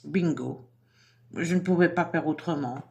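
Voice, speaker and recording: An entrepreneur speaks casually to camera about a themed business project, using a medium-pitched voice with vocal fry and a measured pace. The delivery is chatty and hesitant, full of fillers.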